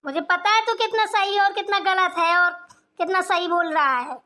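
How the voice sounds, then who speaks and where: A scolding old mother-in-law, voiced by a woman in a cartoon, sharp-tongued and proud. The voice sits very high and bright, with a piercing edge. She nags without letup. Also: normal speed. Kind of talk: Hindi cartoon voice acting.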